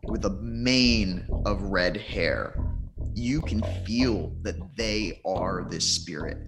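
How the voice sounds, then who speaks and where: A man's voice: low voice, slow pace, creaky. A man acting as game master, narrating a tabletop role-playing game. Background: faint plucked guitar music.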